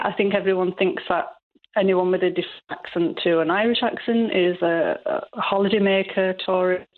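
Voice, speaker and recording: A middle-aged woman with a Yorkshire accent, chatting casually as a caller to a radio phone-in. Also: on the low side. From Yorkshire, England. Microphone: telephone. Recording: tinny narrowband phone line.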